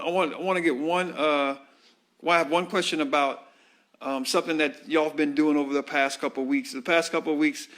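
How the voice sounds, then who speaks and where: A man's voice: on the high side, fairly bright tone. Chatty man interviewing a player. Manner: friendly, rambling questions with many fillers. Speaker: sideline interviewer at a high school football broadcast. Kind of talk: halftime interview.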